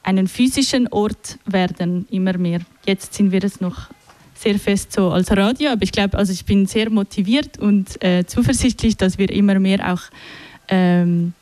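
A woman's voice: mid-range voice, normal speed, no room sound. A woman hosting a live radio culture show, speaking loosely with many fillers. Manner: relaxed, hesitant with many fillers.

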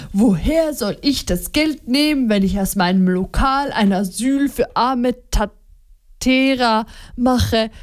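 A woman's voice: fairly high pitch, a little mellow. A woman reading a defensive, irritable innkeeper. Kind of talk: audiobook reading.

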